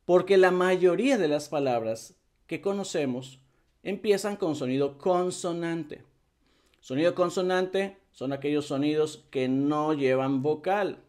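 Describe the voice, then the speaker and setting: Slow-speaking man teaching English. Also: a little high, a little mellow. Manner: drills example words over and over, checking in with "ok?". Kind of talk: explaining an English grammar lesson.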